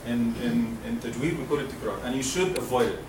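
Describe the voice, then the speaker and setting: A man from Egypt, medium-pitched and fairly quick, teaches his class to recite the Quran by patiently modeling every sound and having students say it back. The call-and-response lesson takes place in a lecture classroom, picked up by a faraway mic with plenty of noise.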